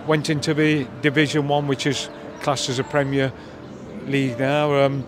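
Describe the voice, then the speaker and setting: In an outdoor street interview near a stadium car park, an older man who's a football fan and grandfather chats with many fillers, thoughtful, into a mic held by the interviewer. He speaks at medium pitch and normal speed in a flat way, with noise all around.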